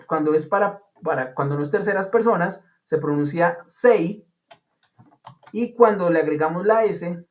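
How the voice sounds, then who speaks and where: A man teaching an online English class, explaining patiently in a chatty way with playful comparisons. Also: fairly high pitch. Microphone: video call. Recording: dull lo-fi online call audio.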